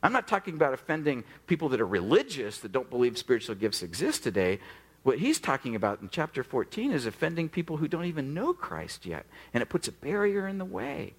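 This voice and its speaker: A middle-aged man, a pastor, preaching a sermon with animated storytelling and acted-out dialogue. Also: a little high, brisk, husky.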